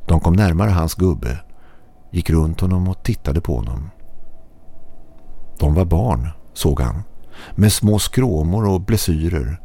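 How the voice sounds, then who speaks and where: A man narrating a horror story in a slow, somber, scripted style. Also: deep voice, lively intonation, gravelly, mellow.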